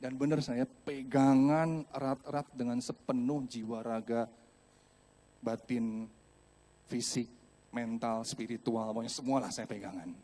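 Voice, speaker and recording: In a church hall, a pastor from Indonesia preaches a sermon, telling a personal story with animated, acted-out voices and addressing the congregation directly. His voice is medium-pitched and a little slow.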